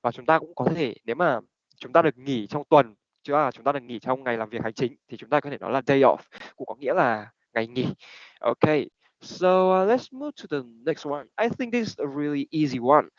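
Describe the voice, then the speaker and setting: A man's voice: mid-range voice, lively intonation, fairly quick. A man teaching English pronunciation to a class, switching between Vietnamese and English with many fillers. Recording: dull lo-fi recording.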